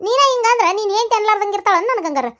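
A woman's voice: very high-pitched, lively intonation, very fast, a bit bright. A woman voicing a self-pitying old village woman in a cartoon, scolding and complaining with a North Karnataka accent. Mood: grumbling. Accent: North Karnataka Kannada.

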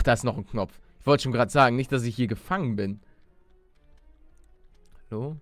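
A man with a mid-range voice hosts a Let's Play, casually thinking aloud in slang sprinkled with English gaming terms. The recording is dry.

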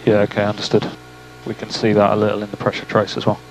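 A male race engineer giving calm, terse team radio calls of gaps and instructions to his driver. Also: fairly low pitch, fast talker, gravelly, faint music behind, poor audio. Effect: team radio to the driver's car.

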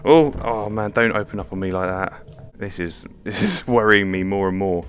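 Sitting on the floor at home, a man who hosts a VR gameplay channel narrates a horror game as he plays, his voice on the low side and his pace moderate. Jumpy and nervous, he laughs and swears a lot, and faint hiss or hum runs underneath.

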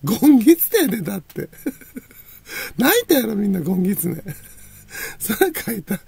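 Very husky, gravelly Kansai woman. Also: medium pitch, very animated, normal speed, dark tone, dry recording. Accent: Kansai Japanese. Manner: laughs often between phrases, trailing reminiscing. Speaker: channel host. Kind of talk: rambling personal storytelling.

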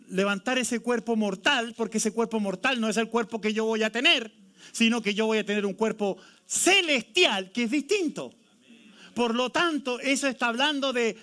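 A man preaching a lively sermon as pastor, leading the congregation to read scripture aloud with him. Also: high-pitched. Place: church.

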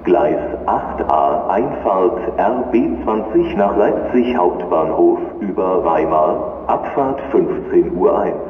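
A man making formal, measured scripted announcements as a German railway station announcer. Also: low-pitched, animated, narrow, tinny audio. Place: train station hall, heard over public address. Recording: distant, reverberant station loudspeaker with noise.

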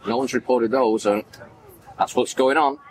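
A man's voice: mid-range voice, normal speed, slight background noise, poor audio. A man in his forties with a Manchester accent, a podcast guest telling stories animatedly and acting out the voices in them. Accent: Manchester English. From Manchester, England. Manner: animated, acts out quoted dialogue, gestures widely. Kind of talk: casual storytelling interview. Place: indoor event backdrop at a farmers market.

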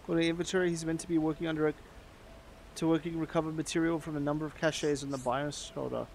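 A man's voice: a little high, flat delivery, fast talker, vocal fry, a little mellow, a little hiss or hum. A man chatting casually while playing a game and reading its dialogue aloud. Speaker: streamer. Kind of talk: casual gameplay commentary.

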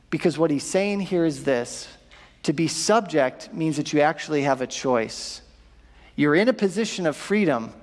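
A man in his thirties preaching a sermon from a church stage, animated and asking the congregation rhetorical questions. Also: sits high. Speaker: pastor. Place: church auditorium stage with audience. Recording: long reverb of a church hall.

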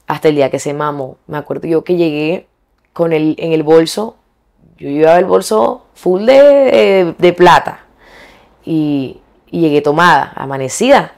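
A young woman from Colombia, a singer being interviewed, talking frankly and colloquially, pausing and restarting as she thinks. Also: low-pitched, a little mellow. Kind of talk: candid interview conversation.

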